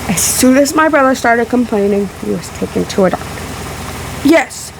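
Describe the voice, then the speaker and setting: Speaking to camera from a room in a house, a woman pushes back on a video in a casual, emphatic vlog. A fan runs loudly nearby as she talks in halting phrases, sick-sounding, emotional, and a little out of breath, her fairly high voice expressive and creaky.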